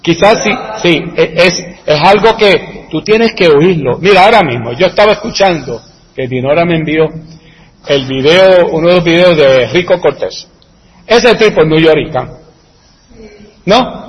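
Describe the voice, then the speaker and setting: A man's voice: on the high side, animated, unhurried. A man chatting casually as a host, rambling, asking rhetorical questions and chuckling. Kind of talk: casual chat, answering viewer comments. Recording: echoey room with long reverb.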